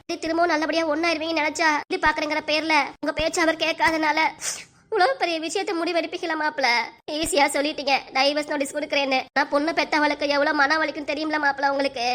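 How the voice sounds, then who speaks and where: A woman's voice: high voice, level tone, quick pace, a bit bright. Woman voicing a pleading, anxious village mother. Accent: Kanyakumari Tamil. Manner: pleading, lamenting. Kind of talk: cartoon voice acting.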